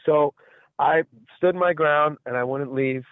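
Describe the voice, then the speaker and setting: On a call-in radio show, a man phones in and tells a drawn-out story, performing each quoted exchange. He speaks a little slowly in a voice on the high side, heard through a tinny, dry telephone connection without echo.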